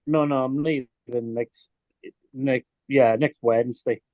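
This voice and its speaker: A man's voice: mid-range voice, fairly even intonation, a little slow, dry recording. A man drops into a video call from his phone, chatting in an easygoing, joking way. His voice comes through muffled and glitchy, squeezed into a thin, phone-like band. There is no room sound around him at all. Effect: muffled, glitching phone audio. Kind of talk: casual chat on a video call.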